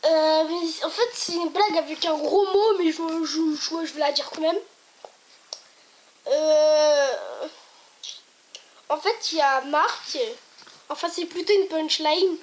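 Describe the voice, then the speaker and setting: A woman's voice: sits high, takes it slowly, pauses often, a little hiss or hum. A woman telling jokes casually to her viewers, hesitant and rambling, stopping to restart and apologize. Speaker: joke teller. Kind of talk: casual joke telling to camera.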